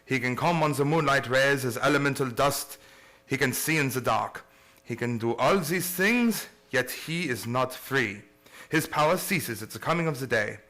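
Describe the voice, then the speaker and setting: Grave and resolute, a man performs the role of a learned vampire-hunting professor in an old-time radio play, using solemn, formal oratory. He speaks at normal speed with a medium pitch, an expressive delivery and a sharp tone.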